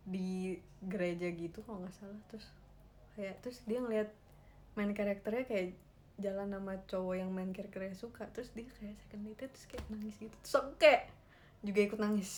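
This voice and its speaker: A woman's voice: mid-range voice, fairly quick, a little mellow, a little hiss or hum. A young woman hosting a casual solo livestream from her room on a phone, chatting emotionally and animatedly with lots of fillers. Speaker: idol livestream host.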